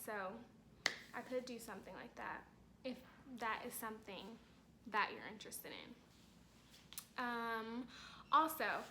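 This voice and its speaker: Casting: young woman vlogger, slightly high, bright voice, rambling chatty delivery, faint background hiss. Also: low-quality recording. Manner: chatty, rambling, many fillers. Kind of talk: casual chat to camera.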